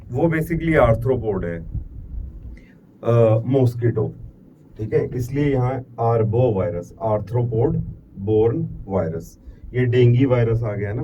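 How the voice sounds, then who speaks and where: A man's voice: mid-range voice, dark tone, highs cut off. A middle-aged man with an Indian accent giving a classroom biology lecture, dropping in English terms, repeating key words and asking and answering his own questions. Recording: distant mic with faint background noise.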